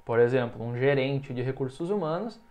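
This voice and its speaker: A man teaching English in in an online lesson, explaining a rule and then saying example words slowly for the learner to repeat. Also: medium pitch, lively intonation, a little mellow. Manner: checks in often with quick casual asides. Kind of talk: recorded online language lesson.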